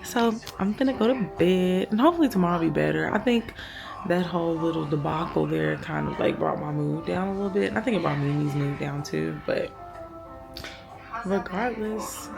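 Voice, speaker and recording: A young woman in a casual travel vlog, her voice low and gravelly with some vocal fry. She tells her story in an animated way, quoting each person in turn. Clear music plays behind her. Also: moderate pace. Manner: animated retelling, acting out both sides of conversations. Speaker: travel vlogger.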